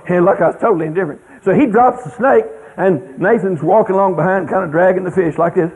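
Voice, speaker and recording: A middle-aged man tells a folksy story to an audience in a rambling, animated drawl. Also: sits high, breathy edge. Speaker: speaker telling a story to an audience. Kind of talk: folksy anecdote telling. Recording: tinny radio broadcast.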